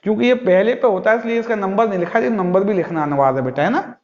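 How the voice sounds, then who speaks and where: A male chemistry teacher lectures his class with a high, darkish voice at a very fast pace, posing questions to students and answering them himself in a patient, drilling manner. The lo-fi recording sounds echoey and dull.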